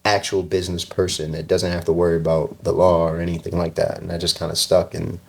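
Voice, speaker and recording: A man who grew up in the UK, a fashion designer guest, telling relaxed stories in casual interview chat, with many fillers and easy laughs. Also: deep voice, fast, gravelly, slightly rough.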